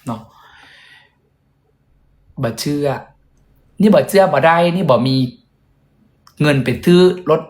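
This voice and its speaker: A man's voice: a little high, lively intonation, takes it slowly, long pauses, a little mellow, echoey room. A young man, a singer and vlogger, chatting casually and joking at his own expense in a hotel room. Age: young adult. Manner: chatty, joking, self-deprecating. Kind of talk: casual vlog chat.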